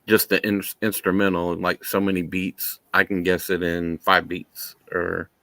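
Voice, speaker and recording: A man's voice: low voice, little pitch movement, a little slow, a bit bright, no room sound. A man joining a live stream as a guest, chatting in a laid-back way. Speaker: guest caller. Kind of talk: casual chat.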